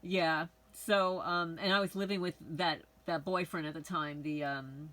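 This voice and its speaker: A woman's voice: fairly low pitch, steady tone, unhurried, a bit bright, rough recording. A middle-aged woman from the Bronx, talking to her channel's viewers in a rambling, frank, conversational monologue. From the Bronx, New York. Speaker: channel host. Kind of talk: casual personal monologue.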